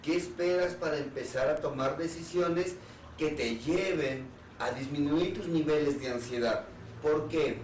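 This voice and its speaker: A therapist with a fairly high-pitched voice gives an earnest public talk on anxiety, firing off one rhetorical question after another with pauses between phrases. A distant mic picks up roomy hall sound and slight background noise.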